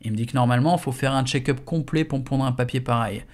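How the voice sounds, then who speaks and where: A man's voice: medium pitch, quick pace. A man reading a novel aloud in the first person, in a casual, slangy storytelling manner. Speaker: audiobook reader.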